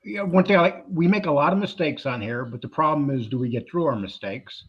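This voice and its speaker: Husky man on a dull lo-fi connection. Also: on the high side, brisk. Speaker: guest joining a livestream. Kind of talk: casual chat. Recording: dull, lo-fi call audio.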